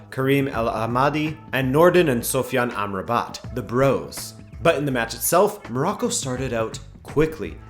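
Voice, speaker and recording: Losing his voice a little, a man presenting a daily football recap delivers the scripted rundown with dry, wry humor and animated shifts in pitch.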